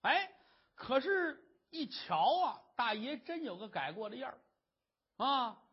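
Animated high-voiced male storyteller. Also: slow pace, slightly rough. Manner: animated, dramatic narration. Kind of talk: traditional storytelling performance. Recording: dull lo-fi recording.

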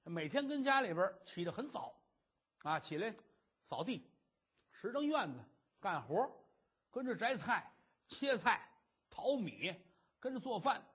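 A man's voice: sits high, sing-song, unhurried, long pauses, slightly rough. A man performing a traditional story with dramatic narration, in a dull lo-fi recording.

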